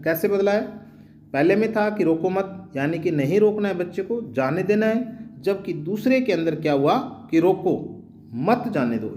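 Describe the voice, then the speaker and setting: A man with a fairly high yet mellow, warm voice teaches a grammar lesson. He explains patiently and repeats example phrases with shifting emphasis. A faint hum sits behind him. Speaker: teacher, channel host.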